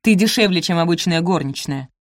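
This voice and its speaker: A woman's voice: fairly low pitch, animated, fairly quick, no echo, lightly acted. A woman voicing a cold, cruel middle-aged stepmother who hisses her orders with contempt, in a dry close recording. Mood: cold, scornful. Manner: hissing, icy, commanding.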